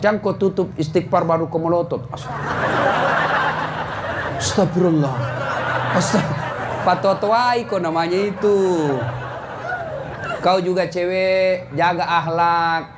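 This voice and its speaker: A man preaching a comedic sermon to a congregation, telling stories with sudden sharp punchlines. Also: a little slow, very noisy. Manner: animated storytelling with sudden high-pitched punchlines. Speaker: Islamic preacher.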